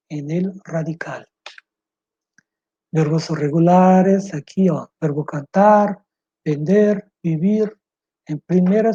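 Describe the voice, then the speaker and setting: Slow, mellow-voiced male language teacher. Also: fairly high pitch, breathy edge. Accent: Brazilian Portuguese. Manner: slow, methodical, spells out letters and repeats words. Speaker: Spanish teacher. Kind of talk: online class lesson over slides. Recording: muffled lo-fi recording.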